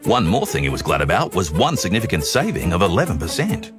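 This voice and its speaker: Deep, very animated male ad announcer. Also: fast talker, music in the background. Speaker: commercial announcer. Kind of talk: scripted storytelling ad read.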